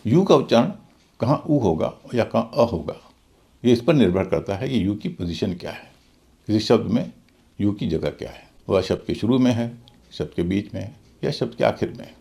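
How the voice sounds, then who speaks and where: A man's voice: lowish voice, lively intonation, moderate pace, gravelly, warm tone. A man teaching English pronunciation in a video lesson, explaining methodically and spelling words out letter by letter.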